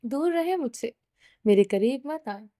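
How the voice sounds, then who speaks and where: Lady doing a young woman crying and begging, high mellow voice, dry audiobook read. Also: lively intonation, no echo. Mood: tearful. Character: young woman, heartbroken and pleading.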